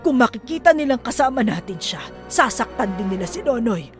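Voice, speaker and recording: A woman's voice: on the high side, sing-song, a little fast, soft background music. Lola Tiray, tormented old aswang grandmother. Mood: urgent. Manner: pleading, moaning, desperate. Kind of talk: animated storybook voice acting.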